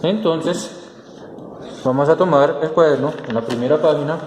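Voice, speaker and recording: A male teacher walks students through a lesson, pausing on fillers and restarting phrases as he explains. His voice rings in a roomy space with a long reverb tail. A faint hiss of background noise sits under it. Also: on the high side, darkish tone. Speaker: Spanish teacher. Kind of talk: recorded class tutorial.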